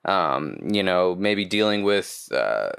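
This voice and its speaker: A man's voice: low-pitched, sing-song, slow pace, vocal fry, fairly bright tone, smooth. A man hosting a podcast, asking questions in casual chat and giving frequent short, encouraging agreements. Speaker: podcast host.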